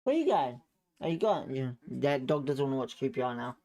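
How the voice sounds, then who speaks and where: A man with a mellow, mid-range voice hosts a live fan watchalong from home, talking briskly and expressively. He calls the play as it happens and shares his opinions on the match, though he hedges them.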